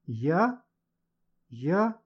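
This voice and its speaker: Guy doing a high sobbing schoolgirl, fussy and scared, dull lo-fi audiobook sound. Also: sing-song, drawn-out words, slightly rough, full character voice. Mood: tearful. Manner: sobbing, pleading. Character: whiny tearful schoolgirl, fussy and timid.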